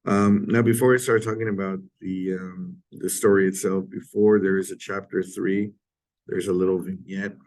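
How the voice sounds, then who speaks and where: Man, deep creaky voice, hoarse and giving out, halting, clears his throat, informal literature lecture. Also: little pitch movement, a little mellow.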